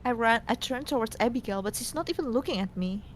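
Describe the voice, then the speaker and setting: A woman's voice: animated, fast talker. A woman narrating a scripted game story aloud, now and then stumbling over the reading. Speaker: co-host reading a visual novel aloud. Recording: noisy, low rumble behind.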